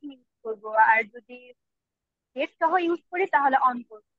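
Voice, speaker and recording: A woman with a Bangladeshi accent, a student explaining a grammar rule in class with halting pauses. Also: sits high, animated, dry recording, narrow, tinny audio. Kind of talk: answering in class.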